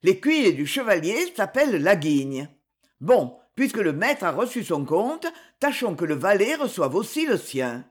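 A reader voicing a sly, suspicious male schemer in an audiobook, muttering low. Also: big pitch swings, a little slow, slightly rough. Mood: scheming. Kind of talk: audiobook character voice.

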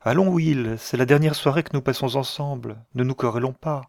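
A man reading the part of an earnest young woman who speaks gently and pleads for peace. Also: mid-range voice, animated, normal speed, gravelly, no room sound, clean studio sound. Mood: pleading.

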